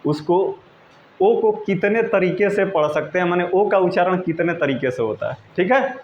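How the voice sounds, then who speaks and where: A male teacher giving a patient, repetitive lesson, often checking that students follow and spelling words out slowly letter by letter. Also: sits high, lively intonation. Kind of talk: classroom-style lesson in Hindi. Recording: roomy, dull lo-fi sound with faint noise.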